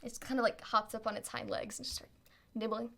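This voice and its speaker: A woman working as game master, improvising tabletop narration in a halting, playful, casual storytelling way. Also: a little high, little pitch movement, vocal fry, sharp tone.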